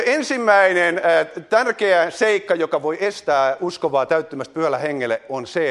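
Emphatic high-voiced male preacher. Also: a bit bright. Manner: emphatic preaching with rising exclamations and hesitation fillers. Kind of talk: sermon.

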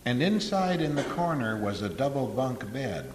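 A man preaching a sermon in short phrases, pausing for his interpreter. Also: mid-range voice, big pitch swings, a little mellow. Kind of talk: sermon spoken for live interpretation. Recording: echoey hall with faint hiss.

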